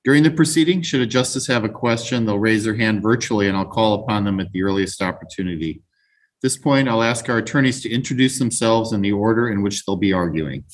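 A man's voice: fairly low pitch, fairly quick. A man presiding as chief justice, giving formal procedural remarks on a video call. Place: remote hearing on video call.

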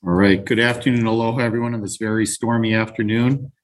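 A man's voice: mid-range voice, fairly even intonation, quick pace. A man presiding as chief justice, giving formal procedural remarks on a video call. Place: remote hearing on video call.

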